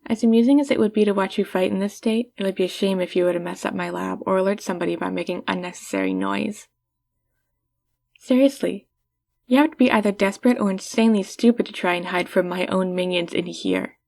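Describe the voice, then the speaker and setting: A woman performs an ASMR roleplay as an arrogant villainess who talks down to and teases the listener up close, hiding a caring side. Her mid-pitched voice is gravelly and darkish, fairly quick, and her mood is scolding and exasperated.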